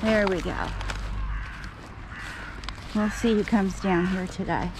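A woman with a medium-pitched, fairly even voice speaks slowly as she narrates a casual vlog, feeding wild birds on a lawn beside a road. She chats to the birds and grumbles about the locals, filming on a handheld camera held low, with traffic and birdsong in the background.

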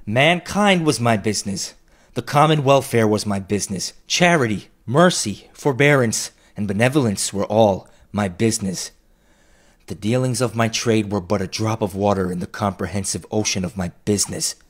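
A man's voice: fairly low pitch, moderate pace, close to an everyday voice. Man voicing Jacob Marley, anguished wailing ghost. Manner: declamatory, wailing and solemn. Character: anguished, remorseful male ghost of a dead businessman. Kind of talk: dramatic classic storybook reading.

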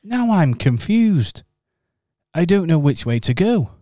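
An earnest, polite male teddy bear, played by a man, slightly bewildered, in a homemade radio pantomime. He speaks slowly with a lively, bouncing pitch, and the voice is close and dry on the mic. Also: dry recording.

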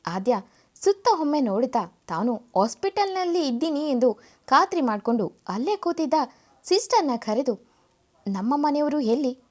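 A woman's voice: high-pitched, big pitch swings, moderate pace. A woman narrating a serialized family story, reading plainly with small shifts of voice for the characters' lines. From India.

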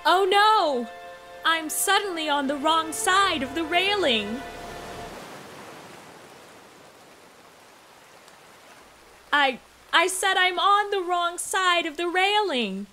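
A woman's voice: very high voice, animated, slow, sharp tone, faint music behind, full character voice. A woman in a comedy skit playing a scheming young lady who fakes distress with fluttering, exaggerated cries for help. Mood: fake panic.

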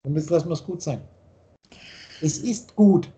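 Here a slightly high, warm male voice comes at a moderate pace through lo-fi webcam audio. The speaker is an older spiritual teacher on a video call from a home office, insistently expounding spiritual ideas while gesturing often.

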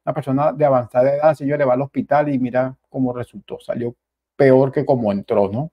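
A man's voice: mid-range voice, fairly even intonation, brisk, dull audio. A man giving casual, emphatic news commentary, often repeating himself and speaking directly to his viewers. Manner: emphatic, repetitive, keeps addressing viewers as "señores".

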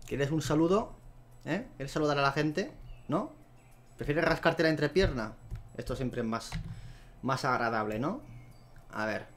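A young man from giving casual gameplay commentary, chatting to the animals on screen and to his viewers and getting excited easily. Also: on the high side, a little slow, long pauses, slight background noise. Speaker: gameplay video host.

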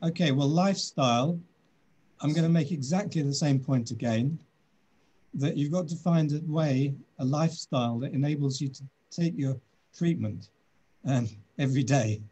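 A man in his sixties with a British accent, a doctor answering webinar questions on a video call from his office, speaking in a measured, thoughtful way with many pauses. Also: fairly high pitch, warm tone, breathy edge.

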